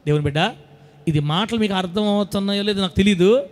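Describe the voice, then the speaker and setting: A man's voice: sits high, quick pace. A man preaching a Sunday sermon, exhorting the congregation emphatically and pressing his points again and again.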